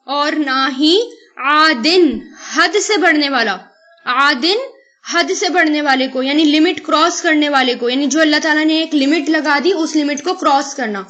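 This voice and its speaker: A woman teaching a Quran lesson. She takes one Arabic word at a time and explains it slowly in Urdu, mixes in English words, and poses rhetorical questions. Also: high voice, a bit bright. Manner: asks rhetorical questions to the listener.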